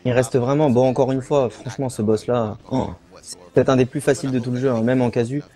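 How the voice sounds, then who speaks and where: A man's voice: mid-range voice, fairly even intonation, fast, mellow. A man giving casual live commentary on a speedrun, often hunting for words mid-sentence. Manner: casual, hesitant, searches for words.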